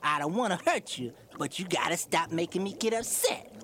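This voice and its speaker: A woman's voice: fairly low pitch, expressive, a little fast, a bit bright, slight background noise. A woman playing a controlling, abusive boyfriend in a radio comedy sketch, wheedling and menacing. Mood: wheedling threat.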